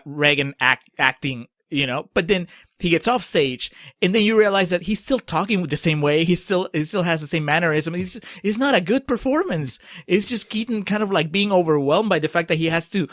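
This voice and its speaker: A man's voice: fairly high pitch, a bit bright, no room sound, studio quality. A young adult man from Peru co-hosting a podcast, giving blunt, opinionated film criticism. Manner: opinionated, critical, laughs often. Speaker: podcast co-host. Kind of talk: casual film discussion.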